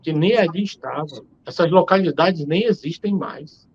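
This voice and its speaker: A Brazilian man in his forties argues his point with emphasis, piling up rhetorical questions. His voice sits a little high. The sound is dull and lo-fi, as over a video call. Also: normal speed, darkish tone, husky. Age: 40s. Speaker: theologian guest. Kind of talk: live-stream discussion.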